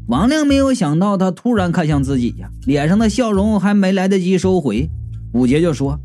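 Lively, high-voiced male audiobook narrator. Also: a little fast, soft background music. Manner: lively, expressive storytelling. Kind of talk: first-person comedic novel narration.

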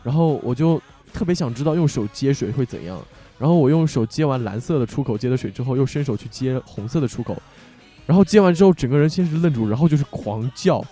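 A man's voice: medium pitch, fast, faint music behind. A young man hosting an audio show, telling funny stories in casual chat and laughing often. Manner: animated storyteller who laughs often. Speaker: show host.

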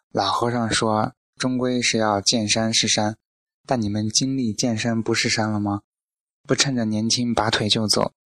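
A man voicing a fierce, sharp-tongued elderly mother who scolds and lectures bluntly in a storybook reading, with a lowish, dry voice. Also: no room sound, close to an everyday voice.

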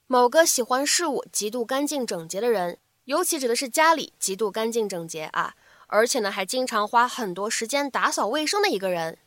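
A woman English teacher giving a spoken English lesson, lively, explaining in short chunks and repeating phrases slowly. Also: on the high side, no echo.

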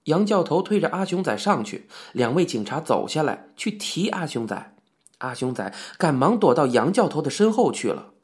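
Expressive male audiobook narrator. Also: fairly high pitch, normal speed. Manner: expressive storytelling. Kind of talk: scripted novel narration. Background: faint music.

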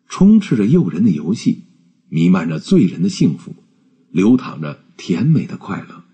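Deep, husky male storyteller. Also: mellow. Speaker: narrator. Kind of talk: storybook narration.

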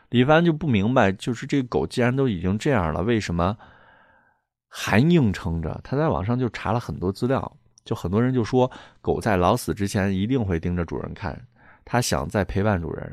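A man's voice: low voice, gravelly, a little mellow, no echo, clean studio sound. A man casually retelling a ghost-hunter story, wandering through fillers and restarts. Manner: meandering, full of fillers and restarts.

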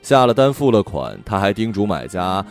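Male audiobook narrator, low voice, lively delivery, faint music under him. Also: normal speed. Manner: expressive, gentle storytelling. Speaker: storyteller.

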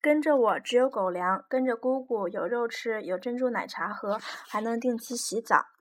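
Woman, audiobook narration, lively, wry storytelling, slightly high pitch. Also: normal speed, slight background noise. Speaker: audiobook reader.

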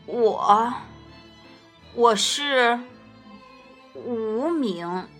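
A woman's voice: a little high, lively intonation, drawn-out words, fairly bright tone, faint music behind, full character voice. A woman voicing a big, hungry male T. rex in a picture-book read-aloud, blunt and hesitant. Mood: gruff, gentle.

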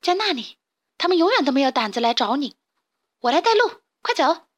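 Brief: bold bossy chick for a children's storybook, voiced by a woman, shrill, very high. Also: big pitch swings, quick pace, fairly bright tone. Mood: urgent.

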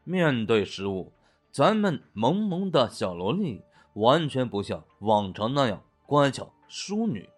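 Animated male storyteller over soft music. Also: medium pitch, unhurried. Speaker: audiobook narrator. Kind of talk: storytelling narration of a web novel. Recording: faint music underneath.

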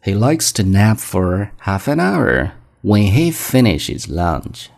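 A man teaching an English vocabulary lesson in Chinese, explaining each word step by step and reading the examples slowly. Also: on the low side, sing-song, creaky, darkish tone.

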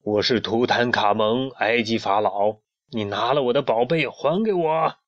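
A man voicing an angry floating pharaoh spirit who gives stern, loud commands. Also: mid-range voice, a little slow, no room sound, close to an everyday voice. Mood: commanding. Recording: dull lo-fi recording.

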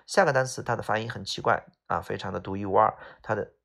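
Male vocab teacher, low gravelly voice, casual, example-heavy explaining. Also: fast, a bit bright. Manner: casual explanations with everyday examples, frequent tag "OK啊". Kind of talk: explaining word by word to students.

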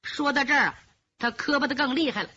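一位女评书艺人说书，嗓音高亮、明快，抑扬起伏极大，声情并茂，还会模仿拟声。录音有些发闷，像老磁带。. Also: female voice, high voice, fast, husky. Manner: lively, dramatic, vivid sound effects. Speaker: storyteller. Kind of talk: pingshu storytelling. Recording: lo-fi muffled recording.

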